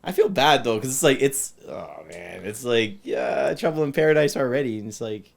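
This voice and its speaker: A man's voice: mid-range voice, animated, normal speed, vocal fry. A man reacting in casual podcast chat, laid-back and easygoing. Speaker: podcast co-host.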